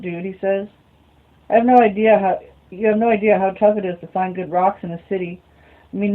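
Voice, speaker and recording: A woman reading a novel aloud as a storyteller, muttering short asides to herself between passages. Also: lowish voice. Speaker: reader. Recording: phone-like lo-fi recording.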